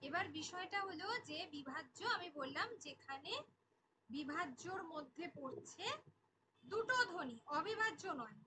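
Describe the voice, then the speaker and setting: A woman teaches an online exam-prep class in a very high voice. She repeats each key definition and keeps asking the class questions. Clear background noise hisses under the whole recording. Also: animated, a little slow. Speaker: Bengali teacher.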